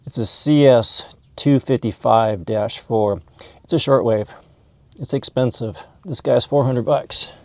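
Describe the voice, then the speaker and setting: This man hosts a casual educational video, showing and explaining things in a folksy, chatty manner and referring to objects as "this guy." He's a mineral hobbyist educator whose medium-pitched voice is unhurried, with no room sound.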